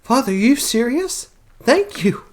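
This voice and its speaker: A man doing a high-pitched excitable young woman. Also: measured pace, exaggerated voice. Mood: overjoyed. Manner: high, breathless falsetto cries.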